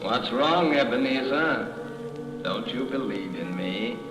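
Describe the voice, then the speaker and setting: A man's voice: medium pitch, animated, slow pace. An actor playing the mournful, reproachful ghost of a dead businessman, solemn and declamatory, in a radio drama. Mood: ominous, solemn. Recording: echoey reverberant hall effect, faint music.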